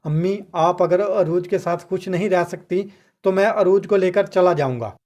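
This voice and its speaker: A man's voice: sits high, moderate pace, darkish tone, lightly acted. A man voicing an angry, protective young husband who pleads firmly with his mother, in a storybook reading. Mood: upset.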